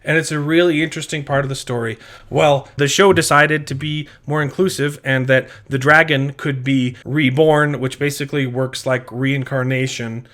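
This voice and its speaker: A man's voice: mid-range voice, steady tone, normal speed, fairly bright tone. A man vlogging an opinionated fan rant, sounding exasperated and emphatic and wandering off on digressions.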